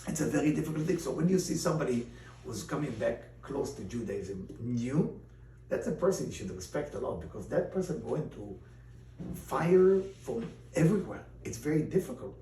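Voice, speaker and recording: A male rabbi teaching a Torah lesson in lively, animated English with non-native grammar, mixing in Hebrew terms. His voice is mellow and dark. It sounds roomy and picked up from some distance, with a faint hiss behind it. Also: mid-range voice, normal speed. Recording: roomy, distant mic, faint background noise.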